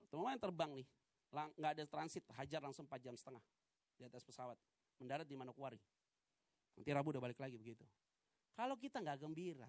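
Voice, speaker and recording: Animated male pastor preaching, dry sound. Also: on the high side, no room sound. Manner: animated, swinging between loud preaching and quiet asides; calls for amens from the congregation. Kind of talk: sermon.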